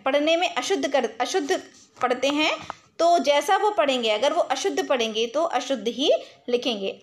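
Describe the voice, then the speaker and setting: High-voiced woman teacher explaining step by step. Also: a bit bright. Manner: explains, repeats and asks questions she answers herself. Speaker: school teacher. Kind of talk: recorded classroom lesson.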